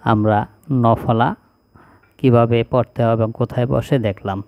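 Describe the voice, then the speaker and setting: A male teacher, slowly reciting a spelling lesson item by item in an even drill. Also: medium pitch, dry recording. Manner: slow, even, drilling one item after another.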